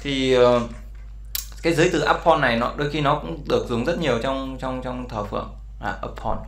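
A man with a mid-range voice teaches an English lesson over a screen recording at a brisk pace. He explains words using lots of fillers and keeps checking in with his viewers.

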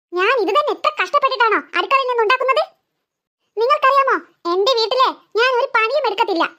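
A woman voicing a shrill, ranting cartoon mother. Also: sharp tone. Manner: complaining, ranting lists of chores. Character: put-upon Malayali mother, defensive, long-winded scolder. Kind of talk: cartoon voice acting.

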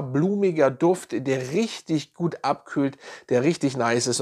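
A man reviewing fragrances in a casual, enthusiastic way, piling on slangy praise. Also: fairly high pitch. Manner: enthusiastic, repeats slang praise like "nice" and "geil".

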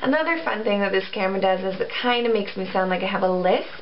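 A beauty vlogger in her twenties gives a chatty, informal makeup tutorial from a small room at home, recorded on a camera mic. Her mid-range voice is animated and she talks fast. The audio is dull with a little hiss or hum.

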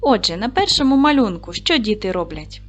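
A woman teaching a recorded lesson for young children, speaking clearly and slowly with encouraging praise. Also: medium pitch, sing-song, lo-fi sound. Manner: clear, slow, encouraging classroom delivery. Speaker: primary school teacher.

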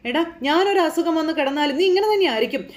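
A woman voicing a shrill scolding mother. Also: lively intonation, fast talker. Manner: sharp scolding, shrill outbursts. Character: angry indignant middle-aged mother scolding her son.

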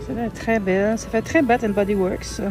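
A woman's voice: mid-range voice, fairly even intonation, fast talker, poor audio. Chatty Québécois woman shopping. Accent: Québécois French. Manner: chatty, lots of fillers, soft asides. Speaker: vlogger. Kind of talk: casual shop-with-me narration. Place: large grocery store, indoors. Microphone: handheld phone camera. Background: faint store music.

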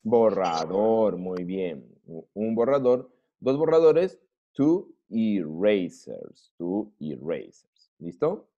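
A male teacher with a Peruvian Spanish accent leads an online lesson at an unhurried pace, his pitch rising and falling a lot. His voice is a little husky, and the audio is muffled. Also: very animated, dark tone. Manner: patient, drills words slowly and asks "¿listo?" often. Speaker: English teacher.

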